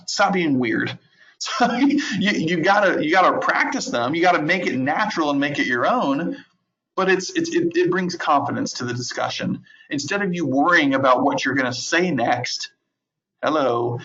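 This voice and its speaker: A man coaching real estate agents in an online training, conversational and animated, often repeating words and laughing. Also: medium pitch. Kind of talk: virtual training lecture. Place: home office at a desk. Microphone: video call. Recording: dull lo-fi audio.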